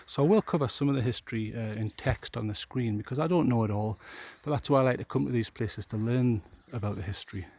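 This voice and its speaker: A middle-aged man talks into a handheld camera outdoors among old ruins. His voice sits at an ordinary middle pitch. He chats and cracks jokes as he points things out. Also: quick pace, few pauses, a little mellow. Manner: chatty, jokey, talks to camera. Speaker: vlogger. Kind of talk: casual walking tour commentary. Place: outdoors at a castle ruin. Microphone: camera held by the speaker.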